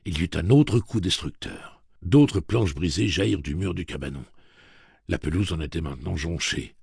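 Deep gravelly male narrator. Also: moderate pace, dry recording, clean studio sound. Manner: steady, dramatic reading. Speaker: audiobook narrator. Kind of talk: scripted narration.

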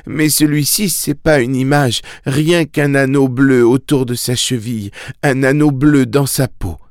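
A man voicing a frightened young boy who haltingly recalls a horror while in a trance, in an audiobook. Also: mid-range voice, fairly even intonation, dry recording, clean studio sound, voice pushed up, lightly acted. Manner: halting, fearful, speaking in the present tense. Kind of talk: audiobook character voice.

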